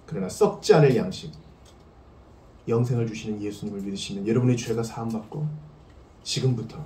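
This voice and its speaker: A man preaching a sermon as pastor, swinging between loud emphasis and hushed tones. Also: on the low side, echoey room, a little hiss or hum.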